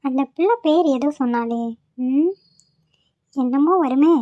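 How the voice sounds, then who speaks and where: A woman voicing a bossy middle-aged aunt in a cartoon who talks loudly to herself and scolds. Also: high voice, a little slow, no echo, clean studio sound. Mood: suspicious.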